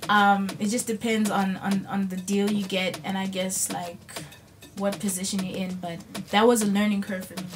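A woman's voice: medium pitch, flat delivery, moderate pace, slight background noise. A young woman from South Africa, a rapper talking casually as a guest in a podcast studio, loose and laughing with many fillers and restarts. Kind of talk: casual interview chat. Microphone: studio mic on boom arm, headphones. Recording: music bed behind voice.

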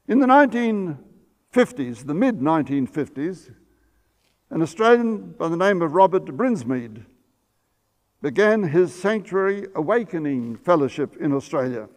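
A man in his eighties, a pastor, giving a measured history lecture while seated at a table in a church, sometimes correcting himself. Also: a little high, darkish tone. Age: 80s. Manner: measured storytelling, some self-corrections. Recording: long church reverb.

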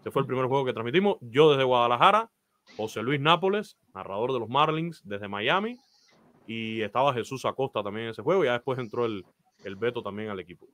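On a video call from a small indoor room, this thirtysomething Cuban baseball announcer talks earnestly through his career and shares advice, peppering his Cuban Spanish-accented speech with "eh." His mid-range voice is animated, brisk and a bit bright.

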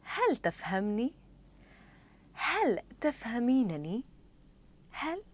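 A woman models short phrases for a language course and repeats each one with careful, deliberate delivery. Her voice is slightly high and lively in melody. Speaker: model speaker for phrase repetition. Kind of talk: scripted phrase drills.

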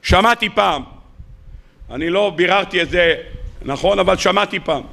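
A rabbi with an Israeli Hebrew accent preaches a sermon in a high, gravelly voice. He is a dramatic storyteller who climbs to loud, impassioned peaks. His tone is bright and sharp. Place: lecture hall.

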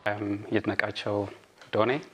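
A young man from Ethiopia, a PhD student, introducing himself hesitantly with many pauses in an office. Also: lowish voice, level tone. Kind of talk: personal introduction to camera. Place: office indoors.

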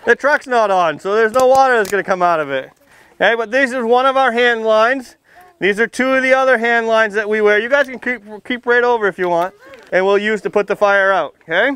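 Standing outdoors under a tent next to a fire truck, an American firefighter shows young children around in a casual, folksy manner, projecting and asking simple questions. He talks a little fast in a high, smooth voice with a fairly bright tone.

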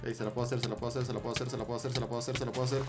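Excitable Mexican gamer, swearing in bursts. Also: male voice, mid-range voice, loud music behind the voice. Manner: excitable, swearing, repeats words in rapid bursts. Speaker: Minecraft gameplay YouTuber. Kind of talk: gameplay commentary.

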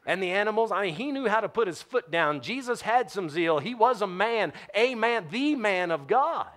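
A man preaching from the pulpit in a slightly raised register. He tells the story with bold emphasis, acts out the characters as he goes, and laughs along with his own asides. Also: sits high. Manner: animated storytelling, acts out voices and laughs often. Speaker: pastor. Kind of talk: sermon.

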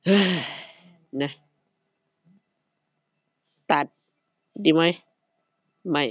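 A man giving excitable horror game commentary, swearing and talking back to the game character. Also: very slow, dry recording, highs cut off. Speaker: gamer.

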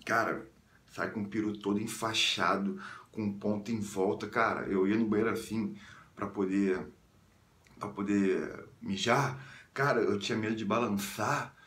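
A young man from the suburbs of Rio de Janeiro with a Carioca accent, telling a story casually in slang and jumping into high squeals when he quotes people. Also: a little slow, roomy sound. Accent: Carioca Brazilian Portuguese. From Rio de Janeiro suburbs, Brazil. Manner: slangy, animated, jumps into high squeals when quoting others. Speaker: vlogger.

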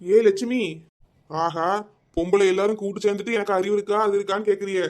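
A man's voice: high-pitched, fairly even intonation, fairly quick, darkish tone, close to an everyday voice. A man voicing a scolding, complaining middle-aged village husband in a cartoon comedy, with a Kanyakumari Tamil accent.

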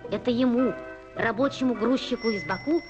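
High-voiced woman narrating an old newsreel. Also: fairly quick. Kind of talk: scripted newsreel narration for a children's documentary film. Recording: dull 1980s film soundtrack, music behind.

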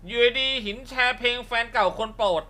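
A man hosting a comedic show where he reacts to social media captions, joking crudely, swearing and laughing often, with sudden shouted outbursts. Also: extremely high pitch, steady tone, brisk. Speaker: host.

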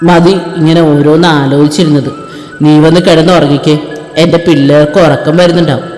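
A man playing a tender, devoted young husband in an audio story, speaking in a gentle, soothing way. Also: fairly high pitch, fairly even intonation, brisk, lightly acted. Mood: reassuring. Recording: echoey room with long reverb and faint music.

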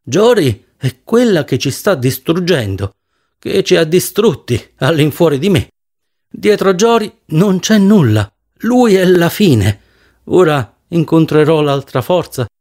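A man's voice: on the high side, very animated, measured pace, a little mellow, full character voice. A man voicing a shaken, wounded grown man who mutters to himself with grim determination.

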